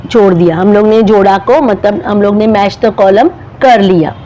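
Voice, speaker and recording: A woman's voice: medium pitch, a little slow, dark tone, slight background noise, poor audio. A woman teacher, spelling out syllables one by one and speaking directly to young children in a step-by-step lesson.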